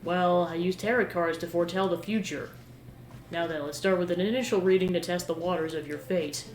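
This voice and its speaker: Gamer doing a mysterious fortune teller lady, polite n ominous, medium pitch, echoey. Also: fairly quick, lightly acted. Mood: courteous. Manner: soothsaying, formal fortune-teller patter. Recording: roomy echo with game music behind.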